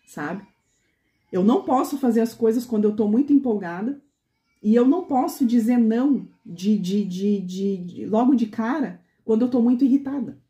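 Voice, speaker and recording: A woman's voice: fairly high pitch, animated, normal speed, dark tone, echoey room. A woman pastor preaching a conversational sermon to a women's meeting, often asking the women questions.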